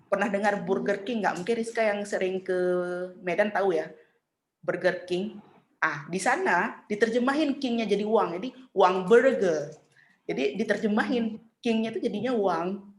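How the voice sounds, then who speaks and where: In an online Mandarin class, a middle-aged teacher with a mid-range voice chats patiently, pronouncing tones slowly for students to repeat.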